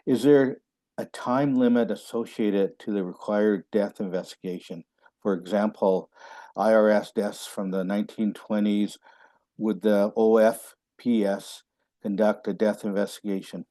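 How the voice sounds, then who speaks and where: Low, mellow-voiced male moderator. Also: steady tone, unhurried, no echo. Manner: affirming, gentle thanks. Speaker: webinar moderator. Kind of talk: moderating a panel. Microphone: video call.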